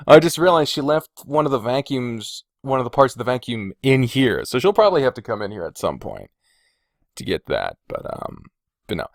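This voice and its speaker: A man with a mid-range, creaky voice and big pitch swings hosts a solo podcast at a moderate pace. A podcaster and video creator, he chats casually in his bedroom, self-deprecating and sweary, drifting into digressions. His Blue Snowball omnidirectional USB mic gives dry, clean studio-like sound.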